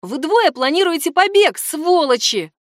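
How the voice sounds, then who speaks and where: A woman reading an audiobook, voicing a brash, scheming teenage boy who taunts and threatens in loud outbursts. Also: a little high, expressive, normal speed, dry recording, clean studio sound. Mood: excited, accusing.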